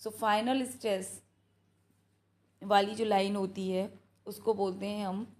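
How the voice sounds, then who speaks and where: A woman tutoring for an English exam, reading out questions slowly and explaining each answer in a mix of Hindi and English, often checking in with "thik hai". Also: mid-range voice. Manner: slow, steady explaining, mixing Hindi and English, reads questions aloud. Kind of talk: exam practice lesson.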